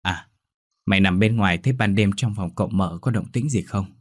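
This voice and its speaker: A man voicing a sharp-tongued older mistress who scolds and orders her servant about. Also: fairly low pitch, fairly quick, dry recording, lightly acted. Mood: scolding. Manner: scolding, commanding.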